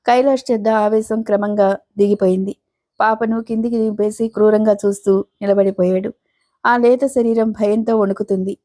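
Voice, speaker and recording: A woman reading a novel aloud as an audiobook, in a steady storytelling voice. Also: mid-range voice, normal speed. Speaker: audiobook narrator.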